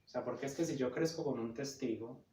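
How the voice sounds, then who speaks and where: A man's voice: mid-range voice, a little fast, warm tone. A man explaining psychoanalytic ideas in a didactic, emphatic way. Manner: didactic, emphatic, checks in with "cierto?". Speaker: psychoanalysis lecturer. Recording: roomy echo, a bit far from the mic.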